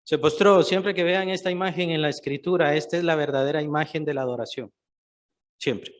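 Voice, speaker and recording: A man's voice: a little high, fairly quick. A man preaching a sermon, stressing points by repeating phrases and putting questions to the listeners.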